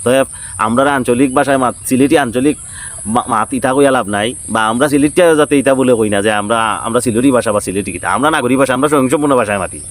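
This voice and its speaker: A man's voice: mid-range voice, very fast. A man with a Sylheti accent from Bangladesh, speaking in a casual, insistent monologue that keeps repeating its points. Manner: insistent, repetitive.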